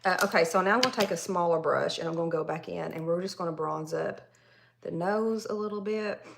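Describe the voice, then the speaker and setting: A woman's voice: on the low side, fairly quick, vocal fry, a little hiss or hum. A woman in her forties from Tennessee with a Southern accent, chatting casually with viewers while she does her makeup on a livestream. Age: 40s. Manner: chatty, rambling, addresses viewers directly. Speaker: makeup artist livestream host.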